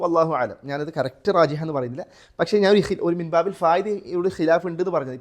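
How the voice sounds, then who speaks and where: A man with a Malayali accent teaching a Quran recitation class, quizzing his students and chanting example verses slowly. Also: on the high side, a little mellow. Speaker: tajweed teacher. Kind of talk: live class lesson with students.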